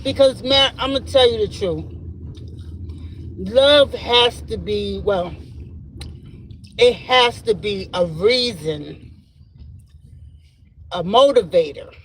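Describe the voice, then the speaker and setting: A woman hosts her podcast in an unhurried, rambling solo chat, breaking into laughter as she tells stories. She records from the driver's seat of a car. A faint hum of road and engine noise sits under her voice. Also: medium pitch, low-quality recording. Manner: laughs often, rambling and animated storytelling. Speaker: podcast host. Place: in a car while driving. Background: faint road and vehicle noise.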